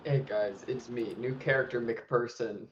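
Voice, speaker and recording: A man's voice: medium pitch, steady tone. A man putting on a goofy, dreamy, distant voice of an ethereal figure from the beyond. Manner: slow goofy put-on voice. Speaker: tabletop game player. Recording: dull lo-fi sound with faint noise.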